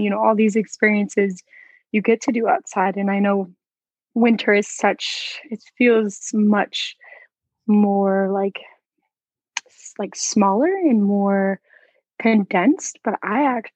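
A woman's voice: mid-range voice, a little mellow, dry recording. Reflective woman guest, dry muffled sound. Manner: reflective, many "like" fillers. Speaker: podcast guest. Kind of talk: casual conversation.

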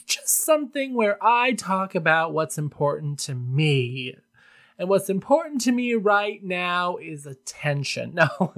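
Solo podcast host, medium-pitched, casual and campy, with tongue-in-cheek delivery straight to the listeners. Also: sing-song, a little slow, fairly bright tone.

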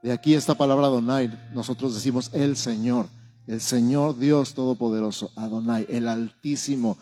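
A man's voice: medium pitch, fairly even intonation, normal speed, dark tone, soft background music. A man preaching a Sunday sermon as pastor, explaining patiently and building into emphatic repetition during a church service.

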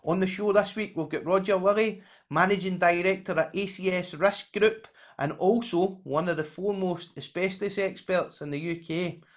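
A man's voice: high voice, moderate pace, hardly any pauses. A man hosting a podcast, introducing his guest and prompting him with brief, encouraging questions. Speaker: podcast host. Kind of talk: casual interview hosting. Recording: dull lo-fi audio.

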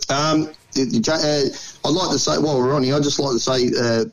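A man's voice: mid-range voice, steady tone, moderate pace, low-quality recording. A man with an Australian accent chatting casually as a radio correspondent, in a blokey, plain-spoken tradesman's manner. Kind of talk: casual chat.

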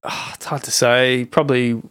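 Clear-voiced man hosting, close and dry. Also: mid-range voice, level tone, normal speed, a bit bright, no echo. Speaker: podcast host, musician. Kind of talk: casual chat.

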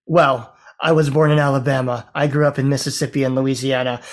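A man's voice: mid-range voice, level tone, brisk. A man from the American South, a rabbi himself, interviewing a guest in a conversational way and asking open questions. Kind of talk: casual interview.

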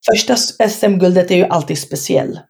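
Woman, interview guest, former basketball player, gravelly voice, lively storytelling. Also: on the low side. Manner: animated, acts out past dialogue in her stories; frank and emphatic.

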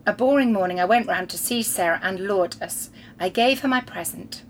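A woman's voice: mid-range voice, normal speed, a little hiss or hum. Wry woman reading her old diary. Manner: wry, reads diary entries aloud with dry asides. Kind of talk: casual podcast chat.

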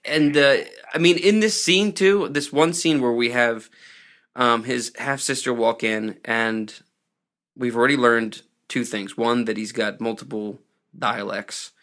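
A man hosting a casual podcast, rambling and animated as he recaps a TV episode. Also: medium pitch. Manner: rambling, animated, does quick impressions of characters. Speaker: podcast host.

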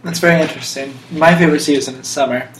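A young podcast host talks fast in a fairly bright, steady voice that sits on the high side, sounding mock-serious and emphatic. The show is casual chat with playful monologues, recorded with roomy echo and a little background noise.

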